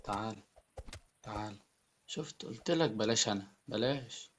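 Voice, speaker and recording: A man with an Egyptian Arabic accent giving excitable Let's Play commentary as a gaming YouTuber, often repeating his words. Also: on the low side, moderate pace.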